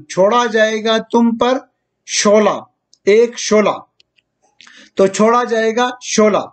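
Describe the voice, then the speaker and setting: High-voiced man teaching grammar patiently. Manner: patient, asks the listener questions and answers them himself; draws out Arabic examples slowly and deliberately. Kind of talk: recorded grammar lecture.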